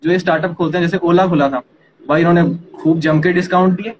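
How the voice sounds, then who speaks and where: Young man, rapid animated chat, fairly high voice, noisy background. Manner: rapid, animated, addresses partner as yaar and bhai. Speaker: co-host explaining startups. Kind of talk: casual explanatory chat.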